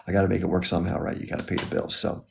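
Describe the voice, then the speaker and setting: A man hosting a live stream, talking casually in a relaxed, rambling way as he closes the show. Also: low voice, rapid-fire, gravelly, a little hiss or hum. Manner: relaxed, rambling, friendly sign-off talk.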